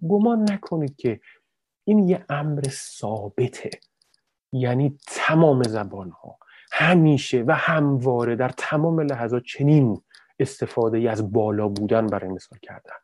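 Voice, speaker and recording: A man giving an animated explanatory talk, addressing his listeners directly, with frequent fillers and self-corrections. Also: mid-range voice, slightly rough. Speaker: lecturer. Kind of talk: explanatory talk on language and emotion.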